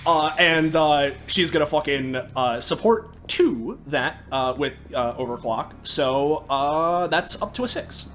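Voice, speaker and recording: A man plays in a tabletop game, rambling through his turn with lots of fillers. His voice sits fairly high for a man. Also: animated, a little slow, hardly any pauses, fairly bright tone. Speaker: player.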